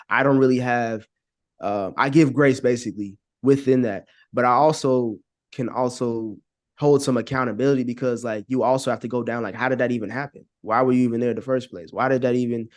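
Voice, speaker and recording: This podcast guest, a man with a steady, medium-pitched voice, speaks briskly while giving his opinions. The talk is casual and earnest, slangy, with "you know what I'm saying" coming up often.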